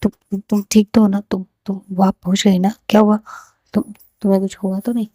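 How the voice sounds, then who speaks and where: A woman's voice: mid-range voice, level tone, brisk, mellow, dry recording, natural voice. A woman storyteller voicing an anxious young woman doctor who stammers and scolds her wife with worry. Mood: panicked.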